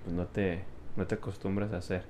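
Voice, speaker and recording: A man's voice: sits low, level tone, brisk, a little mellow, a little hiss or hum. A man asking questions in a casual conversation, thinking aloud in fragments as he goes. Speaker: interviewer.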